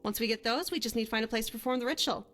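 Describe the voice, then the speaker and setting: Racing along in a bit-bright, high-leaning voice close to how she normally talks, an actress plays a guilt-haunted yet bold young adventurer and hunter in a fantasy game. The delivery is conversational, casual and coaxing, set over music.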